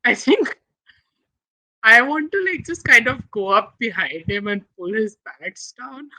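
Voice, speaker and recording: A woman's voice: on the high side, sing-song, measured pace, sharp tone, rough recording. A woman playing a character in a tabletop game, speaking hesitantly. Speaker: player. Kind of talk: casual tabletop play.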